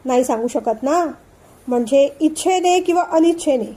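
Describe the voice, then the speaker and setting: A woman's voice: sits high, moderate pace, mellow, close to an everyday voice. A woman voicing an irritable young man in a storybook reading, snapping short angry questions. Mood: irritated.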